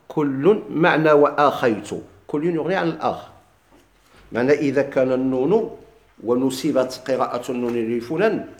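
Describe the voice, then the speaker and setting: A man with a Moroccan Arabic accent explains a classical text to his students, asking them questions and answering them himself, and he chants the quoted verses slowly. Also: mid-range voice, roomy sound. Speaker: teacher of Quran recitation.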